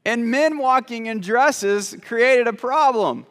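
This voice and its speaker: A male pastor preaches in a church with a voice set high for a man, keeping the tone loose and joking as he stumbles over his words. His sermon rings with the long reverb of the church hall. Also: slow pace, a bit bright. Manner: conversational and joking, with repeated false starts. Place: church sanctuary.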